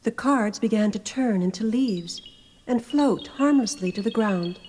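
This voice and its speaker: A woman's voice: on the high side, unhurried, mellow, slightly rough. A woman reading scripted storybook narration on an album. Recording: noisy album recording.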